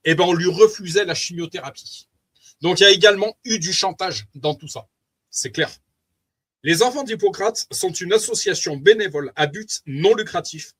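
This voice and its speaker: A man with a French accent gives an earnest, preachy spoken testimony, reading from notes and making asides to his wife. His voice is high, a bit bright, and slightly rough.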